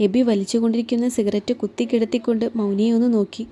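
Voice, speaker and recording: A woman narrating a romantic story in a calm, even storytelling manner. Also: fairly high pitch, fast. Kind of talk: scripted narration.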